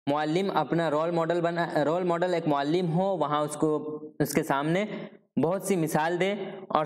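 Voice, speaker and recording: A man lectures students for an exam, his voice sitting a little high for a man. He moves point by point, asks himself questions and answers them, and checks in with a steady "ठीक है" as he goes. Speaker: teacher. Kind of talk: exam-prep lecture on Urdu pedagogy.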